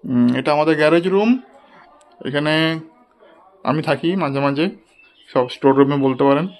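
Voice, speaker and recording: Holding a phone as she films, a young mother chats casually for her family vlog around the house and asks a child questions. She speaks in a low, darkish voice at a moderate pace, and the handheld recording is noisy.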